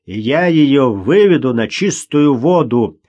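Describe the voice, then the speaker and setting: A man voicing a brash, mocking young man who jeers and shouts in an audiobook. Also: mid-range voice, animated, slow, muffled recording. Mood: jeering. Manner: jeering, shouting, cackling. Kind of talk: audiobook character voice.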